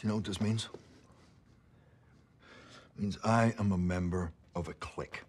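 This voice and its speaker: Low-voiced menacing tough cop, played by a man. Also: noisy background, close to an everyday voice. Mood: cold threat. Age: middle-aged. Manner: tough-cop intimidation, profane, sardonic, drawn-out taunting questions. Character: menacing tough cop, crooked, taunting gang-like squad leader. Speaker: actor in a crime film. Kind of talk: naturalistic film interrogation acting. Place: indoors, lamp-lit hotel suite.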